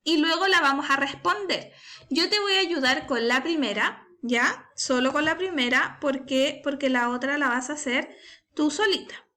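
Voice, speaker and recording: Speaking at a normal speed in a high, bright, forceful voice, a woman teaches primary pupils English online. She breaks things down step by step and patiently asks "¿cierto?" and "¿ya?" to make sure they're following.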